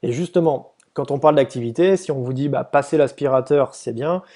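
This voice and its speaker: A man's voice: mid-range voice, brisk, mellow. A man giving a casual, explanatory slide presentation to volunteers, hesitant, with many fillers and restarts.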